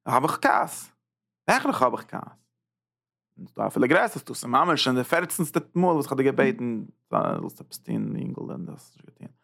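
A man teaching a religious text in an informal lecture, animated, repeating phrases and jumping up in pitch for emphasis. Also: moderate pace, gravelly.

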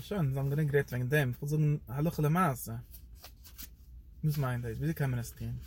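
Male Torah teacher, somewhat high and husky voice, animated rambling lecture delivery. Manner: animated, pitch jumps up and down for emphasis.

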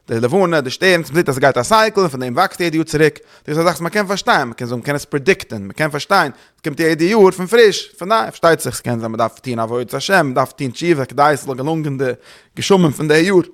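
A man's voice: a little high, animated, fast talker, fairly bright tone. A man giving a religious study lecture, thinking aloud, searching for words, repeating himself and slipping in English terms.

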